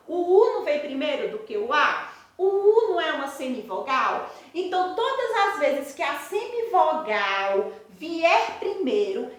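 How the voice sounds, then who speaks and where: A woman teaches a grammar class to young children, her voice high and her pace unhurried. She explains patiently, keeps circling back, and asks the class questions she then answers herself. The recording sits in a very echoey room. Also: fairly bright tone. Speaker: primary school teacher.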